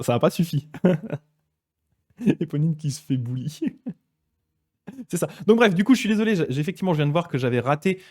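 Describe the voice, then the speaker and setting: Man teaching a casual live study session. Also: fairly high pitch. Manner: relaxed, explanatory, chatty with frequent hesitations; reads passages aloud slowly, then comments. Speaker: Buddhist teacher.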